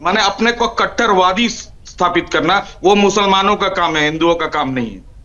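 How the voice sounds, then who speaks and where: A man's voice: high-pitched, moderate pace, bright, forceful tone. A man arguing insistently as a panelist in a heated TV debate. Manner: insistent, interrupts often. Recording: dull lo-fi audio.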